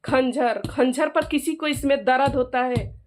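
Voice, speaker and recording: Faint music plays behind this high-pitched, unhurried voice: the vlogger and mother of the bride, a middle-aged woman with a Jharkhand eastern Hindi accent. She argues heatedly during the family vlog and insists the others support her.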